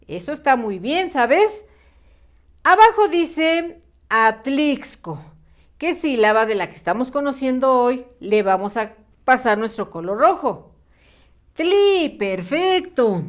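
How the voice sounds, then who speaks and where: A woman leads a reading class for young children, sounding out syllables and praising each answer. Her voice sits a little high, moves slowly and rises and falls a lot. She repeats each sound with patient encouragement. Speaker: primary school teacher. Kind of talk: children's phonics lesson.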